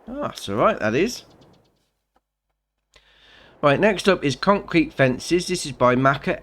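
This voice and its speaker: A man chatting casually through a game mod review, upbeat and saying "very nice" often. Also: lowish voice. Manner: chatty, upbeat, says "right, next up" and "very nice". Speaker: gaming channel host.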